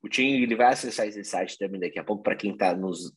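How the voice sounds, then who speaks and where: A man presenting an online Chinese lesson, addressing the viewers directly and spelling things out slowly. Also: on the low side, breathy edge.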